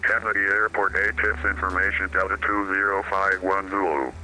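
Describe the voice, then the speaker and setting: A man's voice in an automated airport weather broadcast over the radio, reading weather codes in a flat, clipped way. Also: low-pitched, moderate pace, soft background music, poor audio. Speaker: recorded airport information service.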